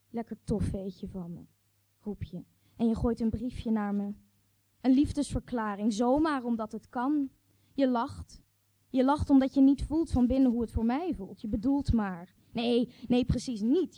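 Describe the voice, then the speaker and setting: A woman's voice: on the high side, mellow, no room sound. A woman reading a surreal, intimate prose piece aloud, speaking straight to a "you". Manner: intimate, addresses a "you" directly.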